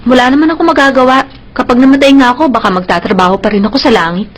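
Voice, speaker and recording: A woman's voice: a little high, rapid-fire, very noisy, close to an everyday voice. An actress playing a hardworking, practical, unromantic young woman with a dry manner in a dubbed television drama. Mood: resigned. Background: music.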